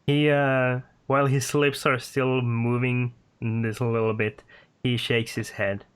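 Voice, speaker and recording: A man narrates a tabletop game as its game master. He speaks slowly and haltingly, filling the gaps with "uh" and "like". His voice sits at a middle pitch. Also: level tone, clean tone. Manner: slow and hesitant, many fillers.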